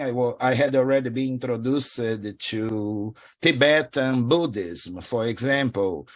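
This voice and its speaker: Brazilian guy, middle-aged, spiritual teacher, rambles reflectively w/ little laughs, lots of "you know". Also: mid-range voice. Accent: Brazilian Portuguese. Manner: meandering, with soft laughs and filler phrases. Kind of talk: reflective interview talk.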